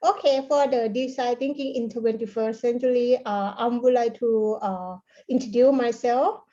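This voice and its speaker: A woman with a Thai accent and Thai as her first language gives a conference presentation, speaking haltingly and repeating words. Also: fairly high pitch, steady tone, mellow. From Thailand. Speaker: keynote speaker, university lecturer. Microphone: online conference call. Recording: dull, lo-fi online call audio.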